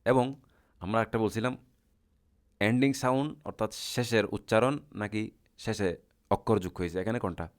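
A man's voice: lowish voice, moderate pace, long pauses. A man teaching Arabic grammar in a lecture, asking the class questions and answering them himself in a patient, repetitive way.

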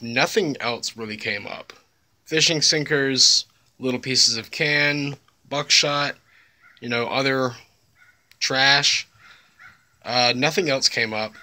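A man's voice: mid-range voice, sharp tone, dry recording. A young man chatting casually as a treasure hunter on a vlog. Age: young adult. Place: outdoors, on lawn and river water. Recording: noisy outdoor handheld camera audio.

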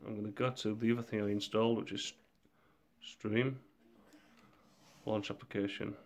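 A man with a cold talking through a screen tutorial in a monotone, laid-back way. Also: fairly low pitch, normal speed. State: has a cold. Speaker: tutorial maker.

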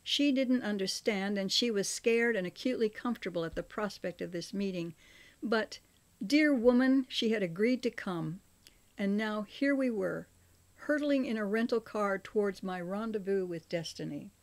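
Narrating her memoir as an audiobook, the older author speaks at medium pitch with a measured yet expressive delivery.

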